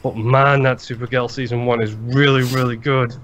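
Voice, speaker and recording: A man co-hosting a podcast in casual chat, rambling and animated, swearing freely. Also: medium pitch, normal speed, a little hiss or hum. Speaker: podcast co-host. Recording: slightly dull lo-fi sound.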